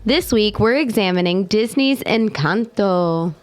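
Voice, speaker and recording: Lively woman co-hosting morning radio. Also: mid-range voice, a little slow. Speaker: radio show co-host, sidekick. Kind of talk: casual, jokey morning radio banter.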